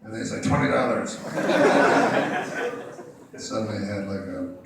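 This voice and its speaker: A man's voice: fairly low pitch, flat delivery, normal speed, heavy background noise. A man in his fifties from Canada telling crude, rambling anecdotes at a bookstore talk. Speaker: author at a book talk. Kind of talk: casual storytelling Q&A. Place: bookstore event in front of an audience. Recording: echoey room, distant mic.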